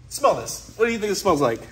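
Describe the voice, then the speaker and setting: A man's voice: sits high, sing-song, normal speed, slight background noise. A young man hosting a casual wildlife vlog with playful, enthusiastic energy. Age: young adult. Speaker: wildlife host, snake keeper. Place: indoor concrete-floored reptile room. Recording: echoey hard-floored room.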